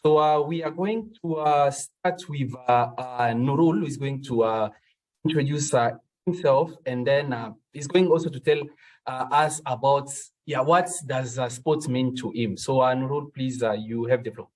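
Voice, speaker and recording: Slow, filler-heavy Congolese moderator. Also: male voice, mid-range voice, darkish tone, poor audio. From Democratic Republic of Congo. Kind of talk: moderating an online panel.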